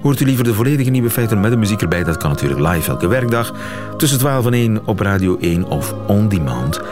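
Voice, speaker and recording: A man presenting a radio show in a brisk, upbeat announcing style. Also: on the low side, big pitch swings. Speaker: radio host. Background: music.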